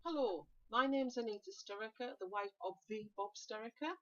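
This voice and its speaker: A woman's voice: on the high side, moderate pace, a bit bright. Casual, self-deprecating woman, muffled. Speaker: painter. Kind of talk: casual voice-over chat.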